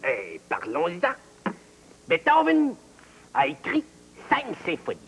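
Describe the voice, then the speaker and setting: A man's voice: high voice, wildly swooping pitch, measured pace, big-room sound, slight background noise, heavily acted. A man playing a pompous, impossibly demanding host in a parody quiz show.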